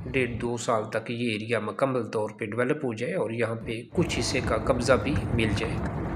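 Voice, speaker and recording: A man, a real estate agent narrating a site tour from a moving car in a steady promotional tone. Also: mid-range voice, noisy background. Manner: steady promotional commentary, lists sectors.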